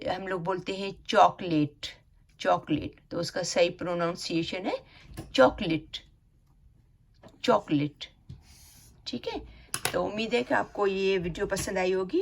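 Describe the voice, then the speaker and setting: A woman with an Urdu-Hindi accent teaching English pronunciation, slowly and deliberately, repeating each word and checking in with a rising "okay?". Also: mid-range voice, animated. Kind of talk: slow explanatory lesson. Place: home, recorded from abroad.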